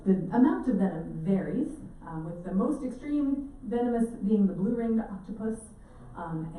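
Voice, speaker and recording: Woman presenter, mellow voice, animated storyteller, distant mic in a very echoey hall. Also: mid-range voice, slight background noise. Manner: animated, acts out quotes with laughter. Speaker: presenter giving an octopus talk. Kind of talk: storytelling talk to a live audience. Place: indoor event space with audience. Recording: echoey room, mic from a distance, faint ambience.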